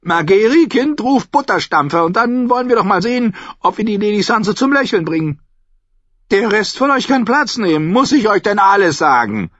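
A man voicing a sharp-tongued old noblewoman who mocks everyone bluntly and chattily. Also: high-pitched, sing-song, moderate pace, no echo, pitched above the performer's own voice, exaggerated voice. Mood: tart mocking. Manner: cutting, scornful, chatty. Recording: dull, dry audiobook recording.

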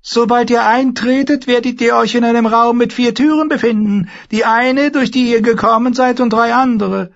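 A man voicing an eerie, ominous male warlock who gives slow, solemn warnings in a much higher voice. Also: fairly even intonation, creaky, highs cut off.

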